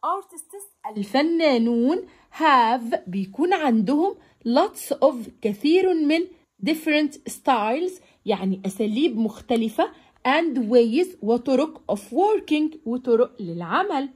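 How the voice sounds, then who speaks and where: A woman with an Egyptian Arabic accent teaching an English lesson, saying English words slowly and repeating them between Arabic explanations. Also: sits high, very animated, a little mellow, breathy edge.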